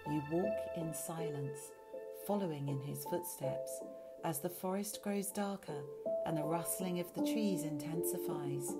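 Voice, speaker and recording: A woman narrating a guided meditation journey in a slow, soothing second-person voice. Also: sits low. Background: loud music.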